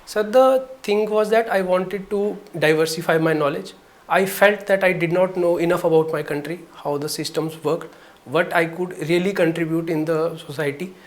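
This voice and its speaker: A young man from Jammu and Kashmir answering interview questions politely and deferentially, pausing often to gather his words. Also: fairly high pitch. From Jammu and Kashmir, India. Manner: polite, deferential, hesitant with many pauses. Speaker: interview candidate.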